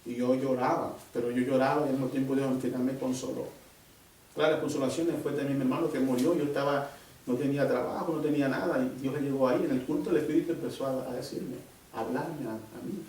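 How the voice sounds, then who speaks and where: A man preaching a sermon at church, emphatic and animated, often dropping into a hushed voice as he tells a personal testimony. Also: mid-range voice, fast, slight background noise. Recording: very echoey church hall from far off.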